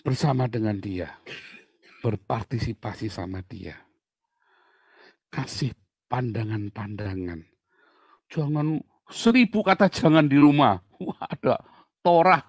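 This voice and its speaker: Animated Indonesian pastor, dry sound. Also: male voice, takes it slowly, long pauses, no room sound. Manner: lively, swings from loud exclaiming to low murmur; colloquial, playful sound effects. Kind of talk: sermon.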